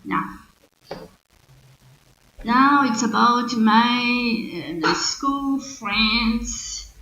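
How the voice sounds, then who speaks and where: Here the same kind of bilingual online grammar lesson comes from a Brazilian woman whose first language is Portuguese, explaining English and breaking sentences down word by word. She speaks very slowly at a fairly high pitch, expressive and sharp in tone. Audio is muffled and lo-fi, roomy, with a little background noise.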